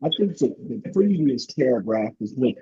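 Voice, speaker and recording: A man joins a relaxed group discussion, and his voice arrives muffled, as if it were coming through a wall. The tone is mellow and slightly husky, and it sounds distant from the mic. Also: mid-range voice, normal speed. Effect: muffled, as if heard through a wall.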